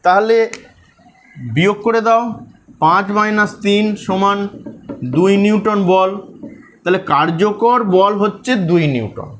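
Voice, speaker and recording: A man's voice: sits high, a little slow, long pauses, a bit bright, slight background noise. A man teaching a school physics lesson, working through forces step by step and checking that pupils follow.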